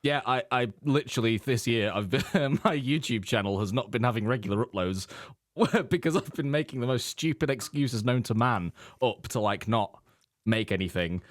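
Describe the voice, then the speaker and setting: A young man chats on a football podcast, his pitch swinging up and down as he jokes. He teases his co-host and laughs often. The sound is dry and close. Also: expressive, moderate pace, no room sound. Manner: jokey, teasing, laughs often, puts on mock voices. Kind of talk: casual football podcast chat.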